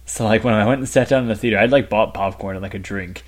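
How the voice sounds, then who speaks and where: Rambling young guy, low voice. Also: fast. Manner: rambling storyteller, fillers, laughs a lot. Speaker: podcast co-host. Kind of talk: casual chat.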